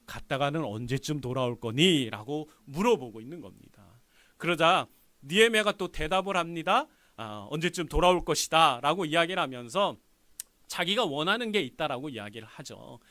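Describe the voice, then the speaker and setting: A male pastor with a high-pitched voice preaches a sermon in a church sanctuary, telling the story with animated energy. He acts out lines of dialogue and asks the congregation questions. There is no room sound.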